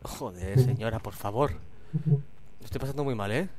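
A man's voice: medium pitch, normal speed, a little mellow, a little hiss or hum. A young man with a Spain Spanish accent commenting on a horror game as he plays, swearing and talking back to the game. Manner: jumpy, swearing, talks to the game. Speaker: gaming youtuber.

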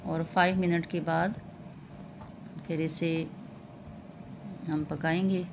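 A woman talks through a cooking lesson at home in a low, even voice. She explains patiently and fills her pauses with little hesitation sounds. A faint hiss sits behind her. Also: vocal fry. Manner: calm, explanatory, with frequent filler sounds. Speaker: cooking channel host. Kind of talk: home cooking tutorial voice-over.

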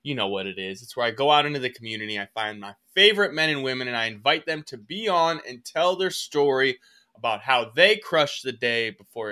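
A man's voice: medium pitch, sharp tone. A man hosting a motivational podcast interview, upbeat and emphatic with hype-man energy. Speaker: podcast host.

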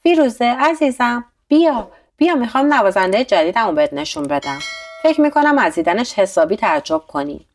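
A woman's voice: fairly high pitch, very animated, slight background noise, pitched above the performer's own voice. A woman voicing a rich, doting male merchant in a bedtime storybook tale. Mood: delighted.

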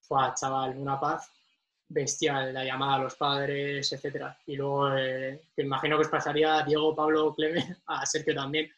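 A man's voice: mid-range voice, completely flat delivery, a little fast, few pauses, a bit bright, dull audio. Emotional man recalling his exam. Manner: emotional, laughing storyteller. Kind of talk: casual chat.

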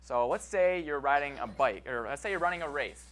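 A man's voice: a little high, expressive, fairly quick, fairly bright tone. A young man introducing a chemistry demonstration to schoolchildren, upbeat and asking them simple questions. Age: young adult. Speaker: science demonstrator. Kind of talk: introducing a demo to children. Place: TV studio stage with a child audience.

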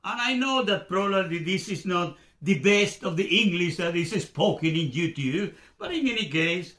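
A middle-aged Venezuelan man, a native Spanish speaker, hosts a YouTube video in Spanish-accented English from a desk in a home room with shelves. His voice sits high and sharp with lively intonation at a moderate pace, but he's hesitant, full of fillers and restarts, giving a casual explainer to camera. The room adds a roomy echo.

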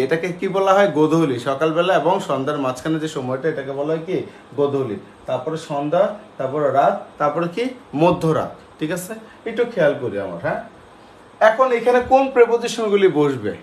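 A man's voice: fairly high pitch, a little hiss or hum. A male English teacher, giving a classroom lecture and drilling students with repeated questions. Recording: echoey classroom with faint ambience.

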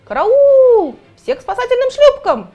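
A woman voicing a panicky hyena in a storybook reading, shrill and screaming. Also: very animated, measured pace, dark tone, dull audio, faint music behind, exaggerated voice.

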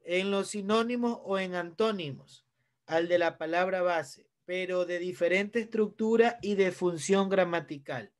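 A man with a high-pitched voice and an Ecuadorian accent leads a lesson. He explains each point step by step and often turns to the students with questions. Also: a little slow. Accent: Ecuadorian Spanish. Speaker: teacher. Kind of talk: online class lesson.

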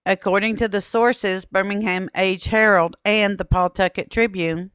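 A history channel narrator, female, reads a documentary script at a steady, measured pace, quoting old newspapers aloud. Her mid-pitched voice is smooth and clear. The recording is dry and sounds slightly muffled and dull.

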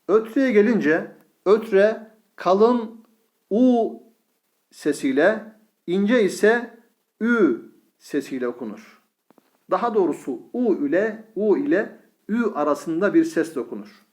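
Slow, patient male Quran teacher. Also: fairly high pitch, a little mellow. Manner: patient, drills syllables aloud one by one. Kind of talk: slow step-by-step recitation lesson.

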